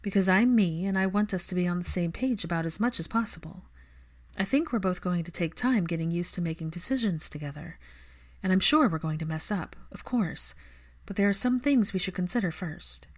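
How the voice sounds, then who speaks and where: A woman's voice: fairly low pitch, brisk, close to an everyday voice. A woman reading as a guarded, wry young heroine. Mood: earnest.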